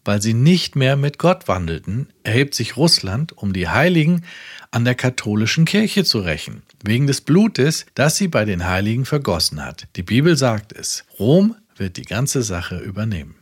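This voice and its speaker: A man in religious conversation, reading sermon quotes aloud with strong emphasis, moving between loud and soft. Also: medium pitch, very animated, normal speed, breathy edge. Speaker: religious talk speaker.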